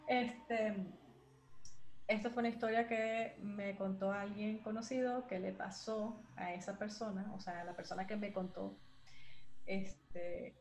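A young woman telling a spooky story in a relaxed, chatty way, full of fillers and slang. Her voice sits at a middle pitch. The room around her is roomy and echoey, with a faint hiss underneath. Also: unhurried. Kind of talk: casual chat, telling a paranormal story.

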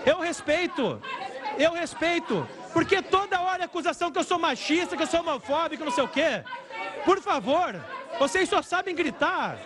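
A man's voice: very high voice, animated, brisk. Exasperated man chairing a noisy session. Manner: exasperated, talks over shouting. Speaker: committee chair. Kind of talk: chairing a heated parliamentary session. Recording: loud crowd noise in a chamber.

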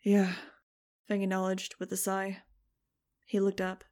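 A woman reading an audiobook aloud in steady scripted narration. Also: medium pitch, moderate pace. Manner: steady, even storytelling.

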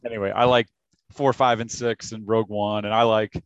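A middle-aged man, the guest and the host's father, chatting in a measured, thoughtful way with hesitant restarts. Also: on the low side, little pitch movement, smooth, no echo, highs cut off. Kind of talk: casual podcast chat.

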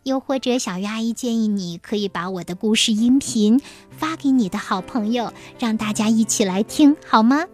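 A woman telling stories to young children, explaining things gently like a kindergarten teacher. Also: fairly high pitch, moderate pace, hardly any pauses. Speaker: children's storyteller. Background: music.

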